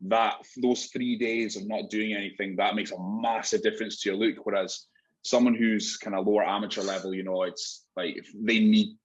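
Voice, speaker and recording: A man's voice: lowish voice, fairly even intonation, moderate pace, slightly rough, low-quality recording. A man with a Scottish accent hosting a podcast, talking casually with lots of "like" and the odd swear word. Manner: casual, swears, says "like" a lot. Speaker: podcast host. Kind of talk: casual chat.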